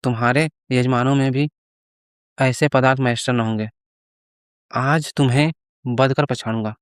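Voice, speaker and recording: A greedy, boastful old-school priest, as a man reading the story plays him, bragging and coaxing in a steady, mid-pitched voice. The voice is clear and resonant, recorded dry and close. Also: measured pace, dry recording, close to an everyday voice.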